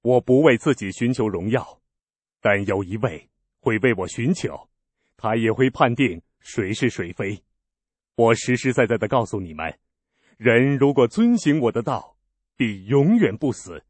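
A man voicing a calm, authoritative male teacher, speaking in an earnest, firm, solemn way. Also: mid-range voice, unhurried, dry recording.

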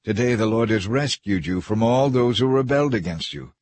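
Storybook messenger, formal, solemn, read by a man, husky voice. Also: on the low side, brisk, a little mellow, no room sound, close to an everyday voice. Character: foreign messenger bringing grim news.

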